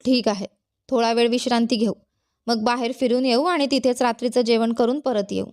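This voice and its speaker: A woman voicing a calm, indulgent rich father in a storybook reading. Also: fairly high pitch, brisk, close to an everyday voice.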